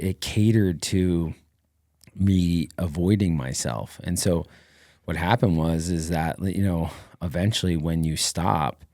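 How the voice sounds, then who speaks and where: Deep-voiced man telling a rambling story. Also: no echo, clean studio sound. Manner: rambling, energetic storyteller heavy on fillers. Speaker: podcast guest, former Navy SEAL. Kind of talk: casual interview storytelling.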